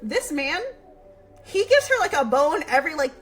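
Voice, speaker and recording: A woman co-hosting a podcast in casual chat, animated and laughing often, acting out characters' lines as she retells stories. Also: sits high, moderate pace, faint music behind. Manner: animated, acts out characters' lines while recounting. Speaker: podcast co-host.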